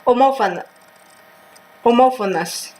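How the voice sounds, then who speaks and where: A woman reading a grammar lesson aloud, slow and careful, with small restarts. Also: on the high side, darkish tone, slight background noise, low-quality recording.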